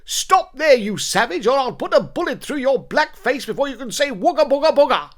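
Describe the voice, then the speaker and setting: A man voicing a brash, blustering soldier in a cartoon, who barks his lines loudly. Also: very high voice, animated, brisk, voice pushed up. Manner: barking, blustering.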